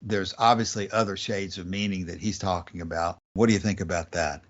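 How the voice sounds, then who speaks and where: A man's voice: sits low, steady tone, brisk, lo-fi sound. A man hosting a podcast who guides the conversation, reading passages and posing questions in a casual discussion. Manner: guiding, asks questions. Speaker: podcast host.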